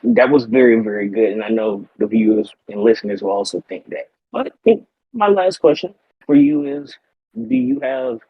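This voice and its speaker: A man's voice: lowish voice, gravelly, breathy edge, no echo, muffled recording. A man hosting a podcast interview, polite and encouraging, with somewhat wordy phrasing. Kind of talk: casual interview.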